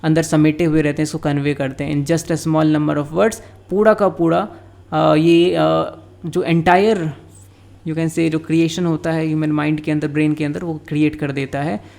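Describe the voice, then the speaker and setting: A man teaching English literature, reading lines slowly in English and then explaining them in Hindi with frequent filler sounds. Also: a little high, flat delivery, vocal fry, a little mellow.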